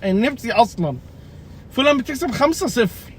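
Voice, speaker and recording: Young man, Egyptian Arabic accent, very high voice, casual comedic rant, exasperated, repeats himself. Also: very animated, fast, slightly rough. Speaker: fantasy football youtuber.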